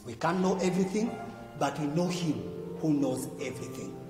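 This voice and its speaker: Kenyan pastor guy preaching, high voice, lots of repeating, long echo in a big hall. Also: lively intonation, normal speed. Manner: emphatic preaching with repetition, rising to shouts and dropping low. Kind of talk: sermon. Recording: echoey hall with faint music.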